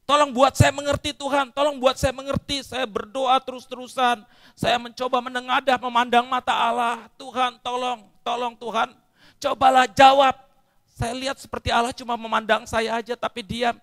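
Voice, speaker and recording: A man's voice: very high voice, level tone, moderate pace, fairly bright tone, no room sound, pitched above the performer's own voice. A man voicing a middle-aged woman who survived a stroke, praying earnestly and pleading to understand.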